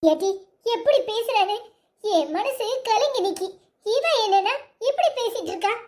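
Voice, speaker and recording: A woman doing a fretful village mother, shrill. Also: animated, a little slow, darkish tone. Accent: Tirunelveli Tamil. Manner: fretful, lamenting. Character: anxious middle-aged village mother.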